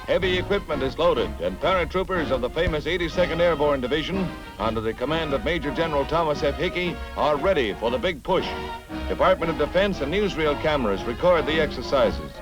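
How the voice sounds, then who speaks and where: A man narrating an old 1950s newsreel in a brisk, punchy announcer style. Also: a little high, animated, low-quality recording. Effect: old 1950s newsreel sound. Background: newsreel music.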